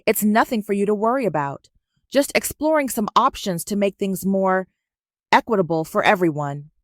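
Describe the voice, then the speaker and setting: A woman's voice: mid-range voice, animated, moderate pace, dry recording, clean studio sound, close to an everyday voice. A woman putting on a smug, taunting stepmother. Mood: dismissive. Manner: dismissive, sharp, taunting. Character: smug condescending middle-aged stepmother.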